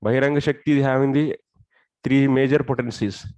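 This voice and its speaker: A man's voice: mid-range voice, fairly even intonation, fairly quick, a little mellow, dry recording. South Indian man teaching scripture, dry sound. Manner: explains step by step, asking questions. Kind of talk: interactive religious lesson.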